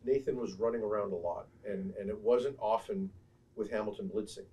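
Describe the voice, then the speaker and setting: A man's voice: lowish voice, brisk, warm tone, breathy edge. A man asking long, run-on questions as a reporter at a press conference. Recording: distant mic with faint room noise.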